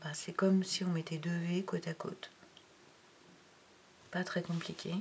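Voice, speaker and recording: Woman teacher, middle-aged, unhurried step-by-step handwriting instruction, occasional near-whispered asides. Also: fairly low pitch, little pitch movement, a little mellow, slight background noise. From France. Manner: slow, counting aloud while writing, drops to near-whisper. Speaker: primary school teacher.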